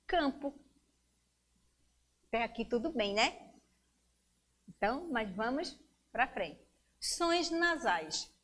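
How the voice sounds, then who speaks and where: Slow, encouraging woman teacher. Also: fairly high pitch, fairly bright tone. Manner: slow, clear and encouraging, drawing out words for young pupils. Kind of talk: children's lesson on a local education channel.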